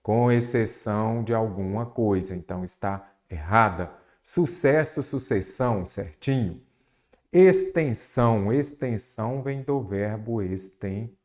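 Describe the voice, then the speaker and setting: A man with a lowish, somewhat mellow voice teaches Brazilian Portuguese exam prep, solving questions aloud by asking and then answering them. His pace is measured with almost no pauses, and he leans on a repeated mnemonic and elongated key words.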